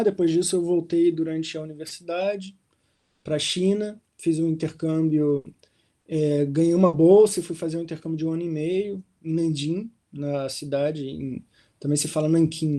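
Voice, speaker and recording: Young male guest, slightly high, mellow voice, relaxed conversational delivery. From Rio de Janeiro, Brazil. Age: young adult. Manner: relaxed, with fillers like "né" and "assim". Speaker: guest, doctoral researcher. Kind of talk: conversational interview. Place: hotel room in London.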